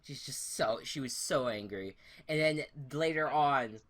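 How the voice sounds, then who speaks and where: A young man talks through a TV recap on a podcast, tripping over his words and correcting himself as he goes. His voice sits at an ordinary middle pitch, and he slips into lively impressions of the people he describes. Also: a little slow. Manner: rambling, frequent restarts and self-corrections; animated retelling that acts out quotes. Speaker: podcast co-host. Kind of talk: casual TV show recap.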